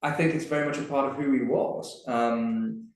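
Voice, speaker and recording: A man's voice: mid-range voice, fairly even intonation, normal speed. A man speaking on a live panel, thinking aloud with frequent restarts. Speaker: panel speaker on Dickens's plays. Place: museum event room. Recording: very echoey room.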